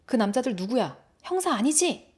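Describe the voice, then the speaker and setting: A woman's voice: fairly high pitch, very animated, moderate pace, pitched above the performer's own voice. Woman doing a nervous teenage boy, jumpy and suspicious, voice bouncing all over. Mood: panicked shouting. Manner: shouting in panic at times.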